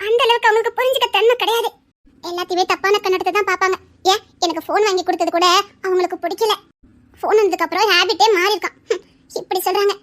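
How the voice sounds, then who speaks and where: A woman with a Tirunelveli Tamil accent, playing a naive, trusting young woman who stammers softly. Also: very high-pitched. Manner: hesitant, stammering, soft. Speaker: actress in a skit. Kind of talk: melodramatic skit acting.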